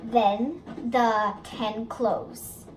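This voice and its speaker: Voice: medium pitch, steady tone, extremely slow. A child co-hosting a casual cooking demonstration in a home kitchen. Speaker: cooking video host. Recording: roomy kitchen echo, background noise.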